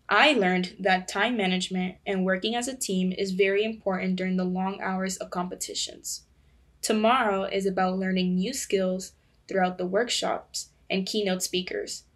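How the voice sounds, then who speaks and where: A teenage girl speaks as a guest on a student podcast, friendly and slightly nervous. Her voice sits at a middle pitch. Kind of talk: podcast interview.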